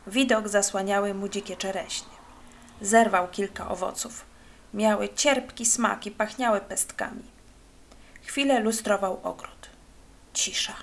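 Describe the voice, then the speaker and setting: Female narrator for a children's storybook, mid-pitched, expressive, lively dialogue delivery. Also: slight background noise. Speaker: audiobook narrator. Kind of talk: children's book reading.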